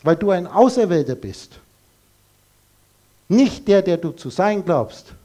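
Male lecturer, high voice, blunt and emphatic, rhetorical questions, live talk to an audience. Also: sing-song, takes it slowly, mellow.

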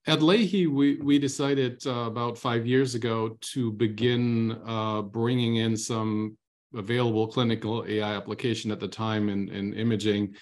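Polite man on a panel video call. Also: mid-range voice. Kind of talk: academic panel discussion.

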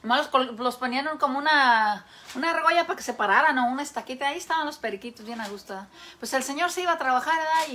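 A woman's voice: high-pitched, bright, forceful tone, slight background noise. A Mexican woman hosting a live cooking show, chatting casually with viewers and telling folksy jokes with a laugh.

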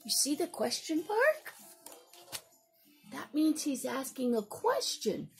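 A young woman teacher reads a picture book aloud to small children, with gasps and hushed asides. Her voice is high and swoops widely, at a very slow pace. Faint music plays behind her. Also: gravelly. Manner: animated storytelling with gasps and whispered asides.

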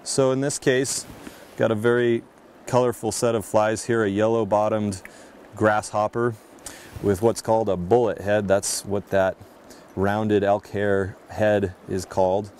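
A man narrating a fly fishing lesson in a calm, explanatory manner. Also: on the low side, measured pace, a little hiss or hum. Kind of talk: instructional voice-over narration.

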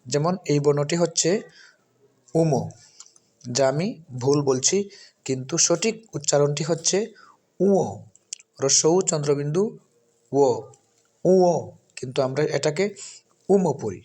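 A man, who comes from Bangladesh, teaching a lesson. He talks slowly and repeats each sound with careful stress. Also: a little high, darkish tone. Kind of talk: spoken lesson.

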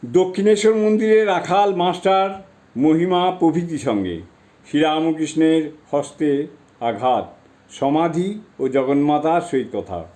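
A man reading a devotional text aloud in a measured, reverent way. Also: a little high, expressive, dark tone. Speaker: reader.

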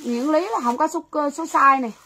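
A sharp-toned, high-voiced woman from Vietnam runs a livestream sale at a moderate pace, talking chattily and repeating phrases to her viewers. Faint noise sits in the background of the rough recording.

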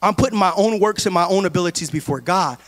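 A middle-aged man preaching a sermon in a large church, on a handheld mic, dropping low and quiet and then rising to shouted preaching. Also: fast talker. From California. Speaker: pastor.

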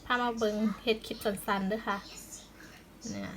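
A woman's voice: medium pitch, sing-song, moderate pace, background noise. A woman with an Isan Thai accent chatting in a casual home vlog, explaining plant care step by step. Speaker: vlogger.

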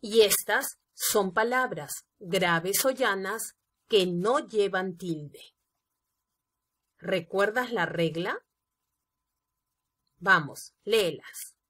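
A woman teaching a grammar lesson, talking to her students directly. She speaks very slowly and carefully, giving each example word room. Her voice sits at an ordinary middle pitch. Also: fairly bright tone. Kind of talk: scripted Spanish lesson narration.

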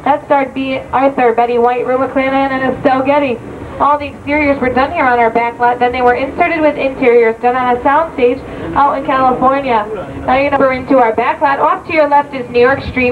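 A woman's voice: sits high, steady tone. Woman tour guide on old VHS tape. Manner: brisk, informative, pointing things out. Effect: old VHS home video tape. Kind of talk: rehearsed tour spiel. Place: studio backlot tour, outdoors. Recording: muffled, hissy VHS tape from a distance.

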